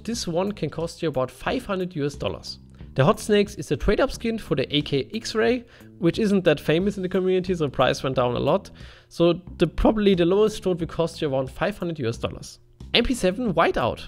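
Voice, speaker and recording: A man's voice: on the high side, vocal fry. A man from Germany with a German accent, giving an informal voice-over commentary as a video creator. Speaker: video creator narrating a game item list. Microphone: voice-over over game footage.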